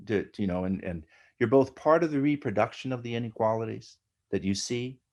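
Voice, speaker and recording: A middle-aged American man, an academic guest, explains ideas in an animated lecturing way, often tagging his points with "right?". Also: mid-range voice. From United States. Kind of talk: explanatory interview talk.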